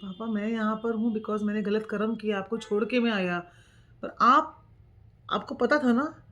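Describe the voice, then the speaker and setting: A woman voicing a desperate young man, a wayward son, with pleading, high, loud outbursts in a told story. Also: flat delivery, a little fast, lightly acted. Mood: tearful pleading.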